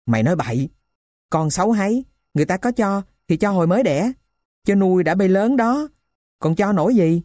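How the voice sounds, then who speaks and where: A woman's voice: medium pitch, animated, a little fast, mellow, dry recording, clean studio sound, voice pushed up, lightly acted. A woman voicing the thief's poor wife, who questions and scolds him. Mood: scolding.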